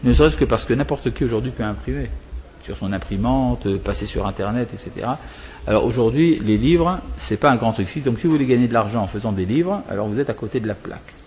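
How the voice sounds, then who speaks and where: A man's voice: medium pitch, animated, fast, a little mellow, dull audio, slight background noise. A male religious teacher explaining prayer to students, wandering off topic and answering his own questions.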